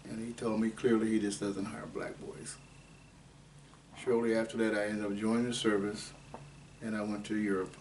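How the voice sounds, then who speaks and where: A man in his eighties from Ohio, telling his life story in an oral history interview at an unhurried, rambling pace with many fillers. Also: fairly low pitch, flat delivery, a little mellow. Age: 80s. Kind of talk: unscripted life-story reminiscing. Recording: distant mic with faint background noise.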